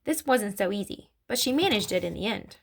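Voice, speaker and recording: A woman reading a children's story aloud in an expressive storytelling manner. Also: mid-range voice, a little fast, creaky. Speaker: narrator.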